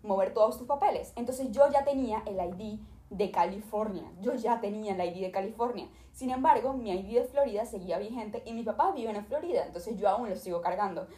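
Young Venezuelan woman, YouTuber telling a storytime vlog, dramatic and animated, recorded on a desk mic in an echoey room. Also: mid-range voice, brisk, few pauses. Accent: Venezuelan Spanish. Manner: animated, dramatic retelling, acting out the people in her story. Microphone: desk microphone.

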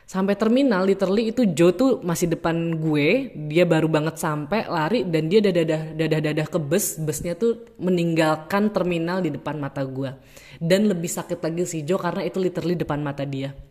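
Low-voiced woman. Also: brisk. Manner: lively, mixes in English, acts out quotes. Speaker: podcast host. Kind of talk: casual storytelling.

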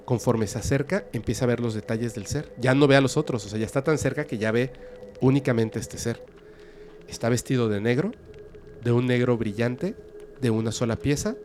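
A man telling a dramatic story in a suspenseful, lively way. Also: medium pitch, brisk, slight background noise. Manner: lively, suspenseful, with sudden loud bursts.

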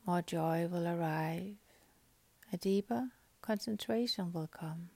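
A woman guiding a meditation in a soft, breathy, half-whispered, calming voice, speaking in short phrases with long pauses. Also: fairly low pitch, no room sound. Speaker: meditation guide. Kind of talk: guided meditation.

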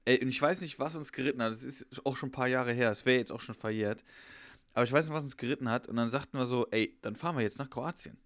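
Fast-talking young man telling a story. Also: mid-range voice, fairly bright tone, dry recording, clean studio sound. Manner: rambling, slangy, acts out quoted voices. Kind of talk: casual storytelling chat.

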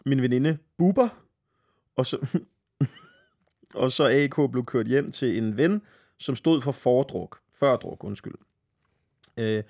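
A male podcast host with a middle-pitched voice reads a listener's night-out story. He talks loosely, swears casually and trips over words. He laughs between phrases. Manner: lively, laughing, swearing casually, stumbles while reading. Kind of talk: casual podcast chat, reading listener stories aloud.

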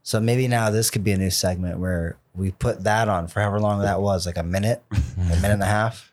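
A man's voice: lowish voice, fairly even intonation, a little fast, a little mellow. A young man hosting a podcast in a loose, rambling chat full of fillers. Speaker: podcast host. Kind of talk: casual chat.

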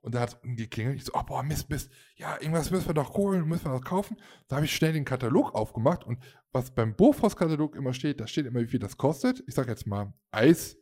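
A man's voice: medium pitch, big pitch swings, quick pace, dark tone. A man in his thirties casually telling a long anecdote, rambling with fillers and acting out the people he quotes. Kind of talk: casual storytelling chat.

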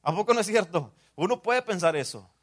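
A man with a Mexican Spanish accent preaching a sermon in church, dropping to hushed asides and rising to loud exclamations, often saying amen. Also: sits high, animated, a little fast. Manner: swings between hushed asides and loud exclamations, repeats "amén".

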